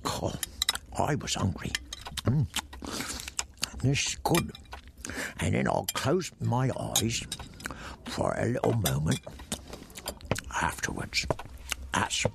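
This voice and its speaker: A man playing a gravelly old chuckling cobbler. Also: fairly low pitch, huge pitch swings, takes it slowly, pauses often, very noisy, exaggerated voice. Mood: wistful. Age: older. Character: very old lonely widowed male cobbler, gentle. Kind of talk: radio drama acting. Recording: music playing under voice.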